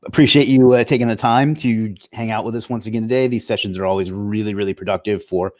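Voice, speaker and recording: Male livestream host, low-pitched, quick and chatty, upbeat with light jokes. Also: steady tone, a little mellow. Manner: upbeat, joking, with fillers. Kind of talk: casual livestream chat.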